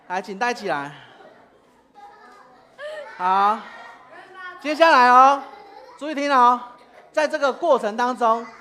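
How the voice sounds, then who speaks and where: A woman's voice: a little high, pushed and bright. A woman, a preacher leading children in a playful church game, calling out commands and laughing often. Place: church sanctuary.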